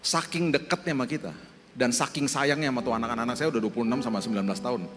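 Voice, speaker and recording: A man in his fifties, a pastor, preaching a sermon in lively storytelling style, acting out the voices he quotes. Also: mid-range voice, rapid-fire. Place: church hall. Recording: long hall reverb with faint music.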